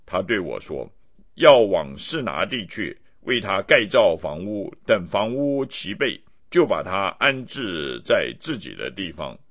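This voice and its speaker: A man giving a steady, measured scripted reading of scripture. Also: sits low. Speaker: Bible reader.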